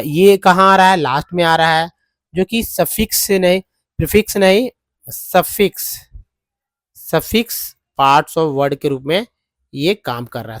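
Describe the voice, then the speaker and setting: A man teaching English spelling, talking slowly and spelling words out letter by letter. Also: on the high side, no room sound. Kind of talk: blackboard-style spoken lesson.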